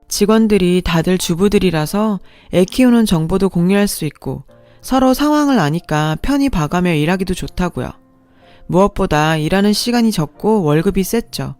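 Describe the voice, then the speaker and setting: A woman's voice: mid-range voice, warm tone, no echo. Woman narrating a confiding radio story. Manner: confiding, conversational first-person storytelling.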